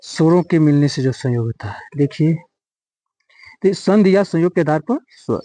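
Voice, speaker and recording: A man's voice: fairly high pitch, animated, moderate pace, warm tone, no room sound. A man teaching an exam-prep grammar lesson, often repeating each question and answer and drawing out words for emphasis.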